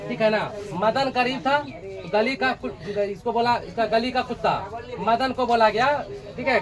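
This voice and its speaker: Male teacher explaining a story. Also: very high-pitched. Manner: repeats points, asks and answers own questions, acts out characters' lines. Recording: crowd noise in the background.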